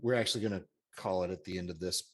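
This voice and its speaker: Low-voiced man running a tabletop game. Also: racing. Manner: hesitant, many fillers. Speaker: game master.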